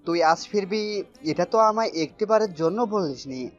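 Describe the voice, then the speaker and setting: A woman's voice: moderate pace, lightly acted. Woman playing sleepy older dad, grumbling and hurt, muffled lo-fi, faint music bed. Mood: hurt puzzled. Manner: drowsy, peeved, lowered voice.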